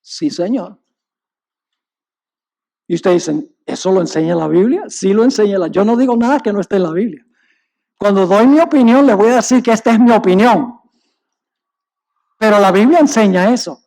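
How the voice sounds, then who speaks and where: This preacher's voice is high and creaky, a little mellow, moving at a moderate pace with long pauses. He relates a parable forcefully during his sermon, talking directly to the people in front of him.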